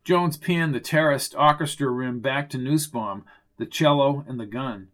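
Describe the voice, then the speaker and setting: A man narrating a mystery audiobook in an even, measured reading voice. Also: medium pitch.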